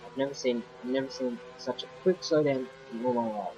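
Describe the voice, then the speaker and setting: A man giving casual, rambling commentary on his own racing game from his bedroom, excitable and quick to flare into loud frustration. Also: mid-range voice. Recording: muffled lo-fi with faint game music.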